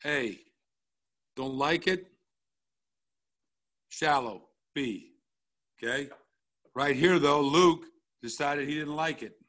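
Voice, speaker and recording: Slow and prone to frequent pauses, a middle-aged football coach reviews game film at a clinic in a blunt, casual manner, often asking "all right?" His voice is a little high and fairly bright.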